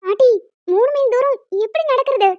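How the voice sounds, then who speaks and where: A woman's voice: extremely high pitch, moderate pace, no echo, highs cut off, pitched above the performer's own voice. A woman voicing a group of cheeky, chatty schoolgirls in a cartoon. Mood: pleading. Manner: chatty, teasing.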